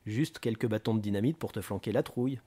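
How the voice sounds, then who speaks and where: An unflappable detective who speaks in short, dry remarks, read by a man in an audiobook. He keeps a level, mid-pitched voice and an understated delivery. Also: fast, natural voice. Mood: calm. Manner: calm and understated. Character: calm, dry, laconic male police detective. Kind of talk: audiobook reading.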